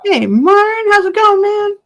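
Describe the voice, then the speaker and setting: A woman's voice: very high-pitched, very animated, measured pace. A woman calling in to chat with her brother, her voice echoing back from a second device and sounding distant with faint noise. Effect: echo from her second device. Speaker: sister of the host, calling in.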